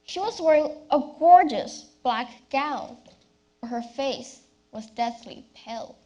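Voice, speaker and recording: A young woman delivering a rehearsed, memorized competition speech as a personal story, with deliberate, theatrical phrasing and dramatic pauses. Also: high-pitched, lively intonation, dark tone. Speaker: youth speech competition contestant.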